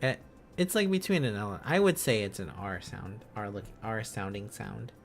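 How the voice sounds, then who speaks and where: With a fairly low pitch and some vocal fry, a man speaks at normal speed over soft background music. He's streaming a casual lesson as he learns Korean script live. He ponders aloud, repeating phrases and syllables to work out letters and words.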